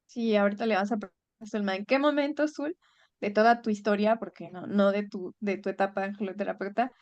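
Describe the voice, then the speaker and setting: A woman's voice: medium pitch, fairly even intonation, fast talker, a little mellow, dry recording. A woman hosting a podcast, asking her guest questions in casual chat. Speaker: podcast host. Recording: dull dry sound.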